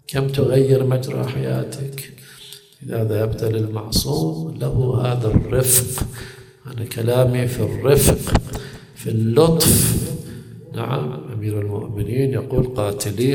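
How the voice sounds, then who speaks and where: Gravelly-voiced man preaching in an echoing hall. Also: mid-range voice, noisy background. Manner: storytelling with rhetorical questions, at times chanting. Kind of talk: sermon. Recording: echoey hall with long reverb.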